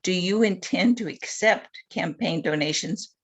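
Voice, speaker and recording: A woman's voice: on the low side, unhurried, slightly rough. A woman interviewing a candidate at a virtual forum, politely reading out questions with a few hesitant asides. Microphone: video call.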